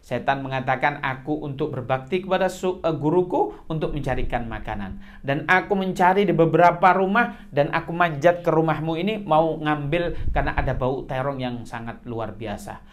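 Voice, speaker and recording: A man's voice: fairly high pitch, normal speed, close to an everyday voice. A man voicing a humble young man who has just repented, speaking earnestly and pleadingly.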